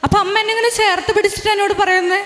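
A young woman giving a personal religious testimony in an earnest, halting storytelling manner with frequent restarts. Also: extremely high pitch, fairly even intonation, a bit bright. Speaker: testifying believer. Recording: reverberant room.

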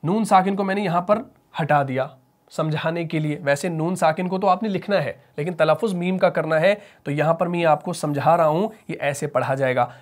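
A man with a Pakistani Urdu accent gives a patient tajweed lesson, supplying answers to his own questions and chanting verses slowly. His voice is on the high side.

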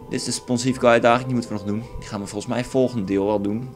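A young Dutch-accented man with a medium-pitched, fairly even voice rattles off rapid-fire commentary on his own game playthrough. His casual let's play chatter is crude, rambling and jokey, with faint game music in the background.

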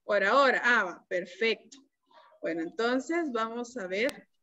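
A woman teacher giving an online class, explaining slowly and patiently and checking often that her students follow. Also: on the high side, expressive, sharp tone. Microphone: computer mic on a video call. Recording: dull, lo-fi video-call audio.

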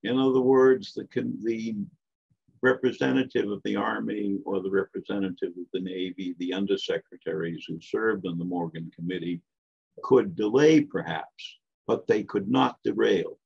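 An older man giving a measured, emphatic history lecture as a guest speaker, with frequent asides. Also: lowish voice, fairly even intonation, creaky, darkish tone, husky. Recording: dull lo-fi lecture recording.

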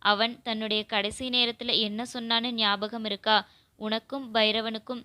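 A woman's voice: on the high side, flat delivery, moderate pace, sharp tone, no echo. A woman voicing a middle-aged grieving mother who speaks firmly and implores. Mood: imploring. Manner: firm, imploring.

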